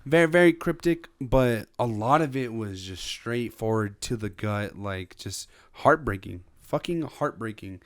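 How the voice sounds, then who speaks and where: A man's voice: fairly low pitch, measured pace, few pauses. A man reviewing an album in casual chat, passionate and rambling, swearing a lot.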